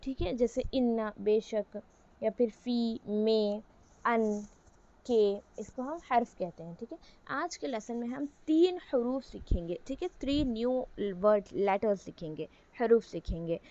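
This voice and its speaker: Woman Quran Arabic tutor, higher voice, methodical, checks in often, slow recitation; muffled lo-fi audio. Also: mellow. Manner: explains step by step, asks and answers own questions; repeats "ठीक है" as a check-in. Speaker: Arabic grammar teacher. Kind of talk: online Quran Arabic lesson.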